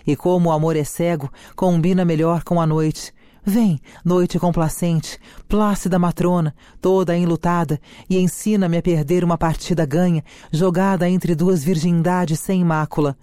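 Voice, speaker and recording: Reader doing a passionate young noblewoman, slow declamatory delivery, mellow tone, dry sound, read from a play. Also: mid-range voice, fairly even intonation, no echo, natural voice. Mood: longing. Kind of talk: dramatic reading of a play.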